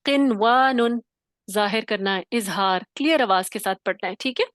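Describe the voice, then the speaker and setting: A woman's voice: mid-range voice, fairly quick, a bit bright, no echo, studio quality. A woman teaching Quran recitation online, who explains patiently step by step and keeps checking in with her students. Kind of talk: online tajweed class.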